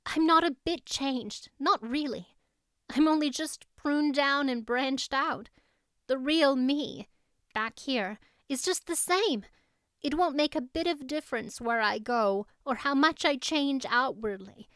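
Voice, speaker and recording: Woman voicing Anne, bright-eyed, high-pitched young woman. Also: takes it slowly, no room sound, studio quality. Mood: earnest, loving. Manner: effusive, earnest. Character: eager, tender, dreamy young woman.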